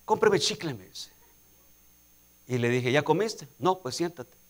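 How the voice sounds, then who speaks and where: A man's voice: mid-range voice, slow pace. A man preaching a sermon, telling a personal story and building to emphatic, repeated calls to action. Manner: preaching with rising, emphatic repetition; quietly acts out dialogue in anecdotes.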